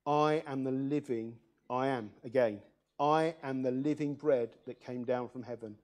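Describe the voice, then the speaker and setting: A man's voice: medium pitch, steady tone, measured pace, darkish tone. A man preaching a church sermon, reading scripture aloud and putting earnest questions to the congregation.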